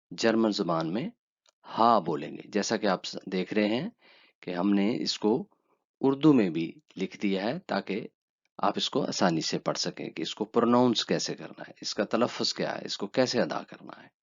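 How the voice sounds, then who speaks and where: A man with an Urdu accent teaching a language lesson, calmly saying each letter twice. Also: on the low side, moderate pace. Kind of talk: slow spoken lesson. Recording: dull lo-fi sound.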